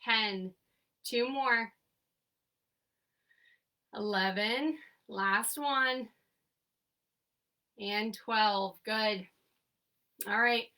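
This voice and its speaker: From a spot far from the mic, a young woman runs a remote seated exercise session at home, counting each repetition aloud and adding brief, upbeat cues. Her voice is on the high side, bright and forceful, very slow, with many pauses.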